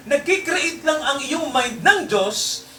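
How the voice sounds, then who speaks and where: A man's voice: very high voice, expressive, slow, bright, forceful tone, roomy sound, distant mic, slight background noise. A man preaching a sermon to his congregation in a mix of Tagalog and English, constantly checking in with tag questions. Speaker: pastor. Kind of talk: Taglish sermon.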